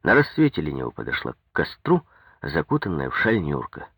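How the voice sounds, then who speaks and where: Deep husky male audiobook narrator. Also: huge pitch swings, fairly quick, a bit bright, no echo. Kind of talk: scripted narration.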